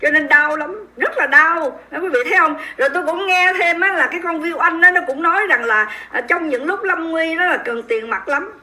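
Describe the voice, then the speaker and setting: A woman with a Southern Vietnamese accent hosts a livestream and comments on the news. She talks to her viewers in a high voice with a bright, sharp edge. Her delivery is emphatic and scornful. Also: moderate pace, hardly any pauses. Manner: emphatic, indignant, mocking, speaks straight to viewers. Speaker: livestream host.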